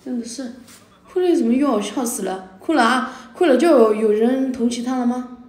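Brief: woman, higher voice, indignant scolding rant on a livestream, echoey room. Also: normal speed, darkish tone. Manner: indignant, scolding, repeats herself. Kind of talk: heated argument on a livestream. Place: indoor room at night.

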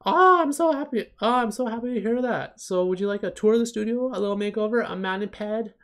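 A man's voice: quick pace, fairly bright tone. A man doing a chirpy young TV starlet. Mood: gushing. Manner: high, chirpy, gushing falsetto. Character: bubbly, sugary young female TV star.

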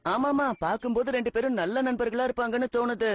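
A quick, husky voice for a thoughtful cartoon kid, voiced by a woman. The kid reasons things out fast. The sound is dry and close. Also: a little high, dry recording, natural voice. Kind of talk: Tamil cartoon dub.

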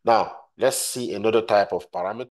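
Deep-voiced man teaching on screen. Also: fairly quick, a little mellow. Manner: repeats points, frequent "right?" checks. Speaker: tutorial instructor. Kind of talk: screen-recorded software tutorial.

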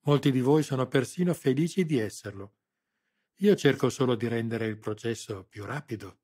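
Male narrator doing a cruel colonel: loud, mocking, always in command. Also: medium pitch, normal speed, breathy edge, lightly acted. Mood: cold, mocking.

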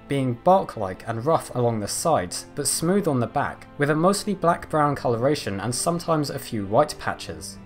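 A man reading scripted nature documentary narration in a measured, explanatory way. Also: medium pitch. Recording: voice over background music. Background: music.

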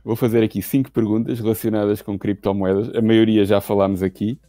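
A man's voice: on the low side, level tone, fairly quick, dark tone, no room sound, faint music behind. A man with a European Portuguese accent, co-hosting a podcast on a video call and explaining a quiz step by step. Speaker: podcast co-host. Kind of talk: casual chat.

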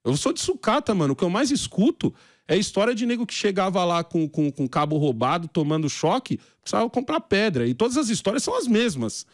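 A man's voice: high voice, sing-song, brisk, no echo, studio quality. A man from Brazil, a podcast guest, telling slangy stories in casual chat and acting out the voices of people he quotes.

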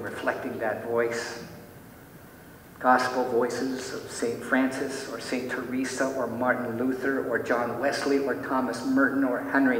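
A man preaching a sermon as pastor, posing many rhetorical questions and dropping to soft, quiet tones. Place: church sanctuary. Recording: echoey church hall, mic from far off, faint rumble.

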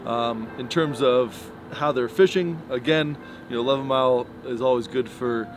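A man's voice: medium pitch, normal speed. Casual man rambling a fishing report outdoors. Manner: relaxed, rambling, many fillers and restarts. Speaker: fly shop owner giving a fishing report. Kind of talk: casual unscripted report to camera. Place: outdoors by pickup trucks in snow. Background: music bed under the talk.

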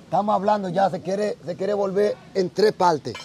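A man's voice: high voice, normal speed, a crowd in the background. A Dominican man, a Vodou priest, telling stories earnestly in a casual outdoor interview. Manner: earnest storytelling. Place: outdoors by a tree.

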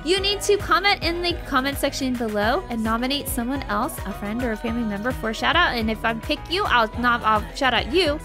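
A woman hosting a family-friendly gaming video, chatting casually, excitable and gushing with frequent laughter. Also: on the high side, brisk, few pauses, over music. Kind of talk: casual gameplay chat.

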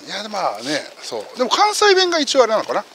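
A man's voice: high-pitched, quick pace, background noise. A man streamer chatting casually and joking while walking a mountain trail outdoors, recorded on a camera mic. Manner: animated, joking, exclaims loudly. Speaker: streamer and host. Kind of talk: casual chat while hiking.

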